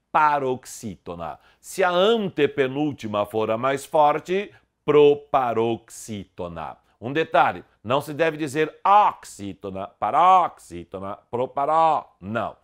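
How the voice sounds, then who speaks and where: A man giving an online grammar lesson, explaining word stress in a didactic way and slowly stressing syllables. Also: medium pitch, sing-song. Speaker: grammar teacher.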